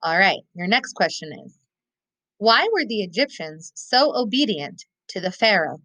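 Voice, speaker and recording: A woman teacher giving a recorded lesson, thinking aloud step by step and slowing down to stress key words. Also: mid-range voice, big pitch swings, pushed and bright, dry recording, poor audio. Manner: models thinking aloud, slows to stress keywords.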